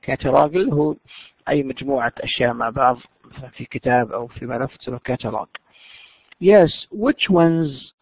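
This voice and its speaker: Gravelly teacher. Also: male voice, mid-range voice, steady tone, fast talker. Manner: explains in Arabic with frequent fillers. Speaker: English teacher. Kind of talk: bilingual classroom lesson. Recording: tinny phone-like dry sound.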